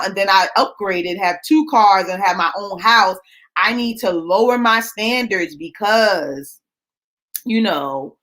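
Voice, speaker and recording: This is a live-show host, a woman in her forties, with a medium-pitched, somewhat bright voice. Chatty and confiding, she tells viewers a personal story in casual conversation, sprinkling in "right?" often.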